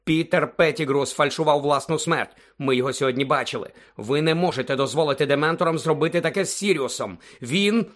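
A man voicing an agitated teenage boy wizard who pleads and shouts urgently. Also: on the high side, brisk, hardly any pauses, lightly acted.

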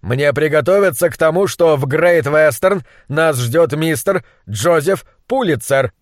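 A man's voice: on the high side, measured pace, no room sound, studio quality, natural voice. A man voicing a brilliant, bitter monster scientist who speaks with acid sarcasm. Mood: scornful. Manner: acid, sardonic.

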